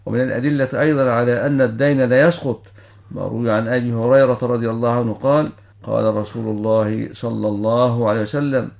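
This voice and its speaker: A man's voice: mid-range voice, creaky, darkish tone. An older Egyptian man speaking as a religious scholar, giving a ruling in formal Standard Arabic with quoted citations. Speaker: Islamic law scholar answering questions.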